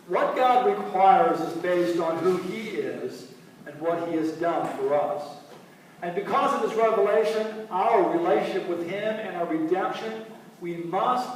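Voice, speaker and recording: A man's voice: sits high, slight background noise. A man preaching a sermon to a congregation, reading scripture aloud and asking his listeners questions. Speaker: pastor. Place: church sanctuary. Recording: echoey church hall, mic from a distance.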